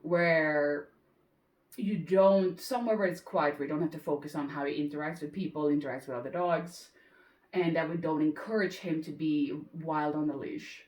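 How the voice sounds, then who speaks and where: A woman's voice: low voice, normal speed, a little mellow. A woman dog trainer talking casually through a training session, explaining while breaking off to praise and cue the dog. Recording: roomy, distant mic, faint noise.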